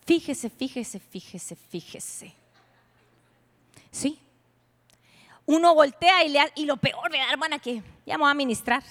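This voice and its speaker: A woman pastor preaches with a bright, high voice that rings out through a large, echoing church hall. Her delivery is emphatic and playful, full of teasing asides, and it jumps from loud declarations to hushed near-whispers. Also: normal speed. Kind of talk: sermon to a women's retreat. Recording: long hall reverb.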